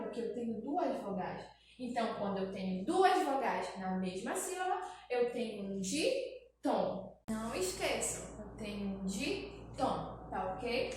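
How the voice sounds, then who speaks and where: A woman teaching a grammar lesson to young children, repeating each point and checking in with "tá?". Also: high voice. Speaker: primary school teacher. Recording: very echoey room, voice from a distance, faint noise.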